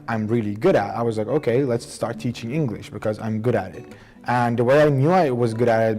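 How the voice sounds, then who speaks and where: A young man from Iran describes his life in a personal documentary interview, his Persian-accented voice medium in pitch and a little mellow. He sounds earnest and deliberate, sometimes restarting what he's saying.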